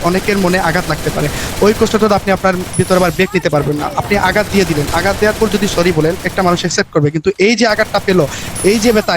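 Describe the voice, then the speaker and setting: A young man rattles off a pedantic, moralizing lecture at breakneck speed in a high voice. His mock-preachy rant runs over faint background noise. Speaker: gamer comedian lecturing a friend.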